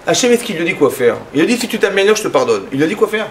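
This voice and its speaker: A man giving a lively sermon as a rabbi, acting out little dialogues in his talk. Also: racing, a little hiss or hum. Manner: animated, acts out dialogues with rising pitch.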